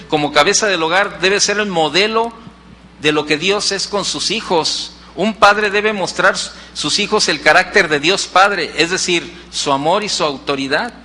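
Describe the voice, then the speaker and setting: A man's voice: on the high side, pushed and bright, slight background noise. A man preaching a sermon in church, who repeats key phrases and acts out the people in his stories. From Mexico. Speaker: pastor. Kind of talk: sermon with storytelling.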